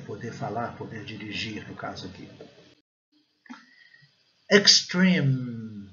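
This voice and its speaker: A Brazilian man with a Brazilian Portuguese accent teaches English pronunciation online at a mid-range pitch. He walks through each word step by step, slowing down to model the English phrases. The recording is a little dull, with faint hiss underneath. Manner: explains step by step, often adds "né?" and "gente".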